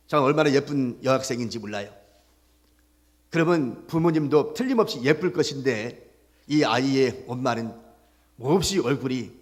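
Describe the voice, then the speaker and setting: A man preaching a sermon as pastor, telling an illustration story and asking the congregation questions, rising to loud emphatic peaks and dropping to soft hushed lines. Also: mid-range voice. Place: church sanctuary. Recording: long hall reverb.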